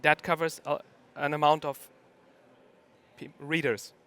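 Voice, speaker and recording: A middle-aged man giving a conference talk, stopping often to hesitate. His voice sits fairly high and sounds bright, clear and crisp through the microphone. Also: little pitch movement, unhurried. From Germany. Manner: hesitant, many ums and uhs. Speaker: conference speaker.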